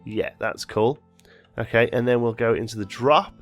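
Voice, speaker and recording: Soft music plays behind a man with a mild head cold as he hosts a let's play, thinking aloud while building and often correcting himself. His voice is mid-range at an ordinary speed.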